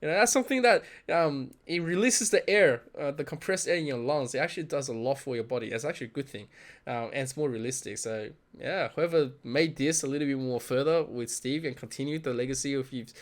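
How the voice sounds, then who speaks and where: A gaming video host with a mid-range voice reacts casually and briskly to a video-game trailer. He talks excitedly, laughs often, and imitates lines he hears.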